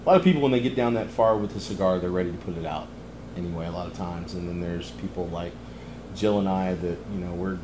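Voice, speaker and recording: A middle-aged man, chatting casually in a cigar lounge as he reviews a cigar, relaxed and easygoing with many ums. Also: deep voice, fast talker, reverberant, noisy background. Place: cigar lounge, indoors, leather chairs.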